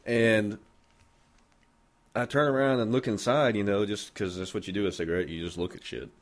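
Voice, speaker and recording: A man with a fairly low voice tells a story on a casual podcast. He rambles, swears constantly and jokes along the way, in an easygoing, chatty manner. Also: fairly even intonation, brisk. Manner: rambling, heavy swearing, loose and joking. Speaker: podcast host.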